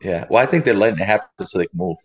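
A man's voice: deep voice, very fast, breathy edge. A man in his forties, a podcast guest telling rambling stories in casual chat, full of fillers. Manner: rambling storytelling with many fillers.

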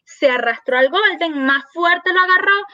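A woman veterinarian guest on a podcast, telling a lively story and acting out the dialogue in quoted voices. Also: very high-pitched, normal speed, dry recording, muffled recording.

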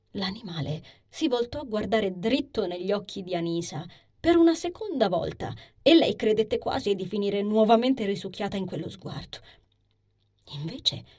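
A woman reading a fantasy novel aloud as a narrator, expressive, sometimes dropping to a soft whisper. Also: mid-range voice. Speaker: audiobook narrator.

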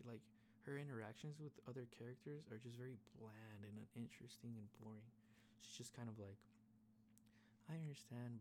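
A man's voice: mid-range voice, darkish tone. A young man hosting a podcast, reviewing a game in rambling casual chat, full of "like" fillers and swearing. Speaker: podcast host. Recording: faint background noise.

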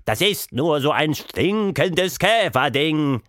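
Male narrator as twitchy sewer mouse, squeaky broken speech, close dry read. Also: lively intonation, fairly bright tone, no echo. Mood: sniffing, dismissive. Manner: squeaky, halting broken phrases. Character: nervous sewer mouse, speaks broken German.

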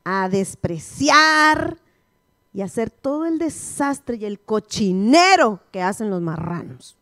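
A woman's voice: a little high, sing-song, slow, a bit bright, dry recording, studio quality. A woman pastor teaching a sermon, quizzing her listeners with repeated questions. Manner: call-and-response, repeated questions to the congregation.

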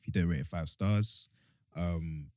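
A man's voice: sits low, unhurried, no room sound, clean studio sound. A young man, hosting a podcast in casual, slangy chat with a laid-back, hesitant way of phrasing. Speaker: podcast host.

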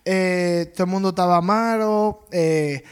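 Guy telling celebrity gossip, lively, drops english words in. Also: sits high, measured pace, smooth. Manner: animated storytelling, mixing English into Spanish. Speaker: podcast host. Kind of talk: casual chat.

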